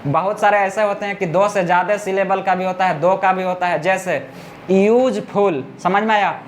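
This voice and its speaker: A man teaching a classroom lesson in a high-pitched voice, breaking each rule down slowly and patiently. He keeps pausing to ask the students whether they have followed him. A faint hiss of noise sits under his voice. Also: fairly even intonation. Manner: explains step by step, keeps checking students understand.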